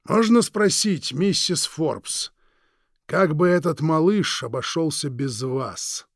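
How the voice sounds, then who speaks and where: Audiobook villain, male, slow and sneering , put on by a male reader; gravelly, raised pitch, dry close sound. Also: expressive, no room sound, full character voice. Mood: menacing. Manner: slow, drawn-out, sneering politeness. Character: sinister smooth-talking male villain, menacing, mocking. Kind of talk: audiobook reading.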